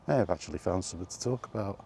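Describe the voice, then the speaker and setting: A low-voiced man talks in rapid bursts, his tone creaky yet mellow, with slight background noise. He's a vlogger walking along and rambling casually in a weary, grumbling way, like a freewheeling solo vlog, with ambient noise behind him.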